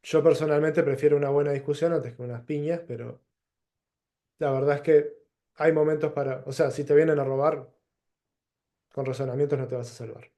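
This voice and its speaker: A man with a Rioplatense Spanish accent giving a reflective lecture, pausing and restarting as he works through plain examples. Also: on the high side, steady tone, dark tone. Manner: thoughtful, pauses and restarts, gives plain examples. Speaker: teacher.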